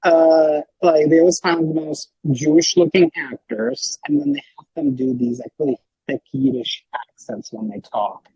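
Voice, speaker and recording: A man with a fairly high, husky voice chats as a podcast guest, rambling and animated and leaning hard on filler words. The sound is dull and lo-fi in a dry room. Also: moderate pace, dry recording. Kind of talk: casual podcast chat.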